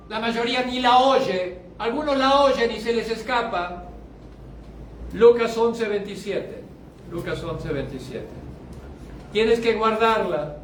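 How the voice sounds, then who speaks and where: A man with a high, light voice preaches from the pulpit. He stretches his key lines slowly and loudly, then drops to low, muttered asides. The sound is roomy and heard from some distance, with faint hall ambience behind him. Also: a little hiss or hum. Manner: emphatic preaching with sharp swings from loud to low. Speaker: pastor. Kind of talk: sermon. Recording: echoey hall, mic at a distance.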